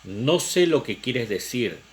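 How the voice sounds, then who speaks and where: A man's voice: medium pitch, sing-song, slow. A man reading aloud, voicing a shocked, tearful young woman with raised, pleading exclamations.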